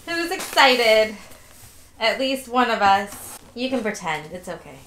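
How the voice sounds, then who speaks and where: Her allergies leave her nose stuffed up, yet the young woman stays upbeat while chatting through a casual home unboxing haul for her vlog. She's medium-pitched, animated and fairly bright at a normal speed, with an echoey room and a little hiss or hum.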